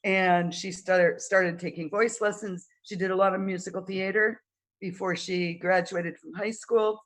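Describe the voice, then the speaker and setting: A middle-aged woman talking casually as a guest in an interview, halting with many fillers, her throat dry from talking. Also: medium pitch, fairly even intonation. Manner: halting, many fillers and restarts, occasional coughs. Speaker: guest conductor. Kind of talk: casual interview over video call.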